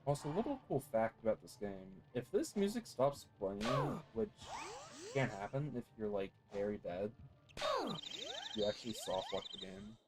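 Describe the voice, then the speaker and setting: A man's voice: fairly low pitch, big pitch swings, moderate pace, over music. A young man streaming a speedrun, chatting casually in a rambling way, with many fillers and frequent laughs. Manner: rambling, heavy on "like", laughs often. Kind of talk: casual commentary while playing. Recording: noisy game stream audio.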